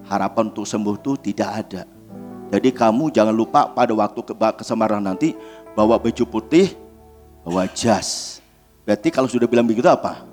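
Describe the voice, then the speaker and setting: A male pastor, preaching in a lively storytelling way and acting out the voices of the people in his story. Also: mid-range voice. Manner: animated storyteller, acts out quoted voices. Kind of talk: sermon storytelling.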